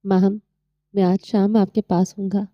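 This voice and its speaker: A woman voicing a calm, teasing young man lying injured in a hospital in an audio novel. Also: mid-range voice, dry recording, highs cut off, natural voice. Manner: playful, calm.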